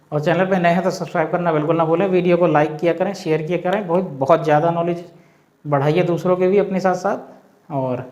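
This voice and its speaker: A man teaching an English grammar lesson in a classroom style, spelling out letters slowly and asking the class rhetorical questions. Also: high-pitched, a little mellow. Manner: explains step by step, asks the class rhetorical questions.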